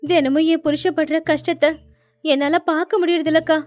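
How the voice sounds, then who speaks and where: A devoted young wife from a storybook, gentle and pleading as she cares for her struggling husband, played by a woman narrator. The voice is high-pitched, and faint music plays behind it. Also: flat delivery, moderate pace, natural voice. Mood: worried. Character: caring, devoted young wife of a poor fisherman.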